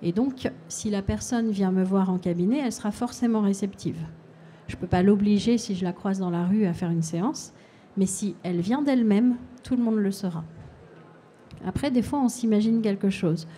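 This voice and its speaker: A woman hypnotherapist giving a calm, explanatory public talk and answering audience questions at a fair. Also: mid-range voice, normal speed, a little hiss or hum.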